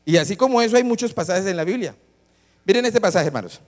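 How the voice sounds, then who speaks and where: A man's voice: sits high, expressive, quick pace. A man preaching a sermon to a congregation, teaching as he reads scripture aloud and asks the listeners questions. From Colombia. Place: church hall. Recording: long church-hall reverb.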